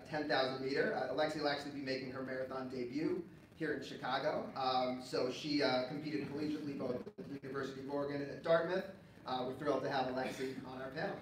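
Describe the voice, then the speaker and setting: A man introduces a panel at a live event, upbeat and announcing, with the odd filler. His voice rings through a large echoing space, caught from a distance, with ambient noise behind. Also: mid-range voice. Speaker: event host. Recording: echoey, distant mic, noisy ambience.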